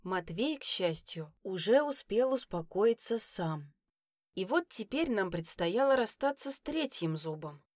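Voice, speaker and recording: A woman narrating a first-person story as an audiobook, reading with lively expression. Her voice sits at a middle pitch. The recording is close and dry with no room sound. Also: measured pace, dry recording. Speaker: audiobook reader.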